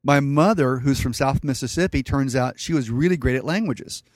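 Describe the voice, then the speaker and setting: A man in his sixties tells family stories in a relaxed, matter-of-fact way while being interviewed. His voice sits at an ordinary middle pitch. The sound is dry and close, with no room echo. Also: normal speed. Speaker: podcast guest, real estate investor. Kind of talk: casual interview storytelling.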